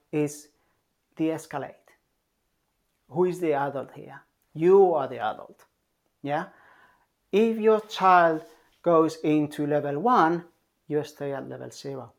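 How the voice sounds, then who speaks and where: Calm parenting coach who keeps asking "yeah?". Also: mid-range voice, vocal fry. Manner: calm and emphatic, checks in with a frequent "yeah?"; repeats key points for emphasis. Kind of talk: advice talk to parents.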